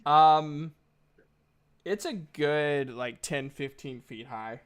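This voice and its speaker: A man's voice: on the high side, very slow, clear, resonant tone. A man narrating as dungeon master of a tabletop game, hesitant and full of fillers. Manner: hesitant, many fillers and restarts.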